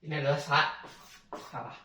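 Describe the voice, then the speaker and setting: A young man hosting a casual lesson, explaining things in a relaxed way and often stopping to repeat or restart a word. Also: on the high side, brisk, distant mic. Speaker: host teaching English accents. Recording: roomy, from off-mic, faint background hiss.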